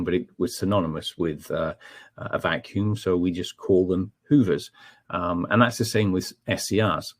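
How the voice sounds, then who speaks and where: This technical trainer, a Scot, presents a webinar in a low, gravelly voice with a breathy edge. He breaks things down step by step, peppering his explanation with ums and check-ins of "okay?".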